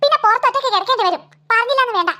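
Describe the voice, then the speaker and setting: A woman's voice: extremely high pitch, animated, rapid-fire, sharp tone, full character voice. A woman voicing a weary cartoon mother who keeps scolding her two quarreling daughters, in a nagging, exasperated way. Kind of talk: cartoon voice acting.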